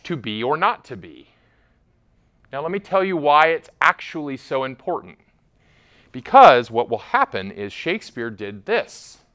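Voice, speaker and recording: A man giving a theatrical conference talk on stage, animated and acting out verse rhythms for an audience. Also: medium pitch. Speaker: conference speaker.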